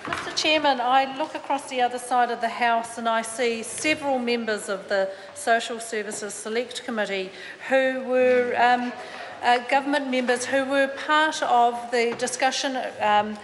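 A woman's voice: on the high side, steady tone, moderate pace, a little hiss or hum. A middle-aged woman, an opposition member of parliament giving an indignant debate speech full of fillers and restarts, at a desk mic in a large wood-panelled chamber. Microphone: desk microphone. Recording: reverberant chamber with faint ambience.

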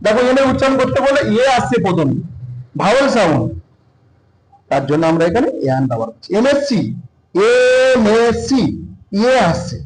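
A man teaching a grammar lesson, reading English rules slowly and then explaining them with rising emphasis. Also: high voice, very animated. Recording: echoey room.

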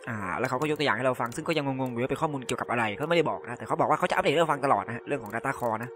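A man with a slightly raised voice does casual let's-play commentary, reading game messages aloud and translating them as he goes. His talk is loose and full of fillers and polite particles. Soft game music plays faintly underneath. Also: a little high. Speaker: gamer translating game text.

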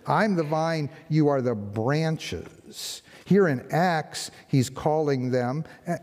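Older guy pastor giving a sermon, slow and chatty, voice bouncing around a big church hall. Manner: conversational, rhetorical questions, lively pitch swings. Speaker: interim pastor. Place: large church sanctuary, behind a lectern. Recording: long hall reverb in church.

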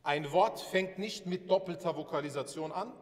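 A man's voice: a little high, moderate pace, long reverb tail. A man teaching a class, patiently asking questions and repeating points. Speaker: Arabic alphabet teacher. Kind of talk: classroom lesson with questions to students.

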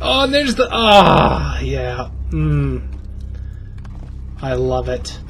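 A middle-aged man streaming a horror game, muttering nervously and excitedly with frequent exclamations in casual commentary. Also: mid-range voice, drawn-out words, slight background noise. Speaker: gaming streamer.

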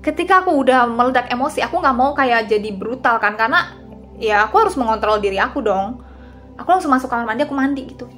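A woman's voice: fairly high pitch, expressive, fast talker, a bit bright. Chatty young woman sharing advice, music beneath. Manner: chatty and confiding, addresses viewers directly. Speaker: vlogger giving advice. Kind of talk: casual talking-head advice.

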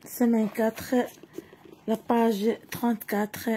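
A woman's voice: fairly high pitch, flat delivery, very slow, dark tone, slight background noise. A woman with a Moroccan accent teaching a reading lesson for children, carefully sounding out syllables and words one by one. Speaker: primary school teacher.

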